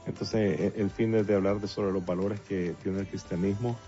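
A man's voice: low voice, fairly even intonation, moderate pace, mellow. A man from El Salvador, talking as a guest songwriter in a casual interview, hesitant with many fillers and restarts. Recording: dull lo-fi with faint music.

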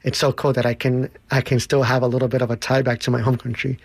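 A man's voice: medium pitch, flat delivery, vocal fry, breathy edge, dry recording. Earnest man telling his story, dry sound. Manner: earnest, quick bursts with slow emphatic stretches. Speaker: dance instructor and organizer. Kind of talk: reflective interview storytelling.

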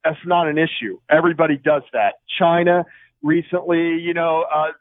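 A man's voice: fairly high pitch, steady tone, normal speed, dry recording. A man calling in to a talk show over a phone line, rambling with many fillers and restarts. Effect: phone line into a call-in show. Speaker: caller. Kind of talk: call-in radio chat. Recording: tinny phone line, dry.

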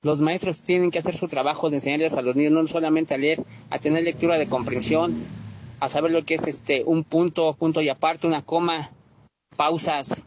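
A man's voice: on the high side, fairly even intonation, fairly quick, noisy background. Indignant man leaving a voice message. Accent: Mexico City Spanish. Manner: indignant, lecturing, repeats his points. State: leaving a recorded voice message for a radio show. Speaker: radio caller. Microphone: phone voice note.

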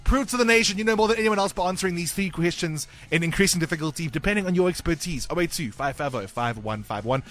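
Soft background music plays behind a South African man hosting a breakfast radio game. He teases and chirps through quick, upbeat patter in a voice that's a little high and fairly bright.

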